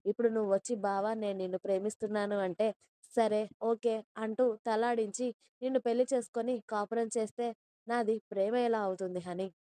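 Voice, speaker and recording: Harsh scolding young man, read by a woman, warm tone, smooth voice, dry close sound, audio story. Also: medium pitch, steady tone, a little fast, no echo, lightly acted. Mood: angry. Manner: scolding, blunt.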